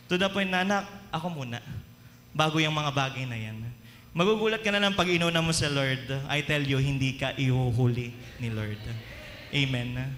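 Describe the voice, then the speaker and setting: A man with a Filipino accent delivers a sermon in a high, bright voice. He keeps asking the congregation questions. The sound rings out with long reverb through a church hall. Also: slight background noise. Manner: mixes Tagalog and English, asks the congregation questions. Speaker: preacher.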